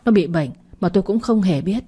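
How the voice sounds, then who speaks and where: A woman's voice: on the low side, lively intonation, brisk, warm tone, husky. A woman voicing a worried, weeping middle-aged mother in a narrated audio story. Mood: remorseful. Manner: tearful, pleading.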